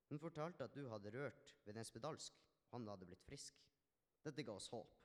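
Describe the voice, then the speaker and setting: A man's voice: mid-range voice, lively intonation, close to an everyday voice. A man playing a healed Samaritan leper man, telling his story in an earnest, reflective first-person monologue with small restarts. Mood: somber. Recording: long hall reverb.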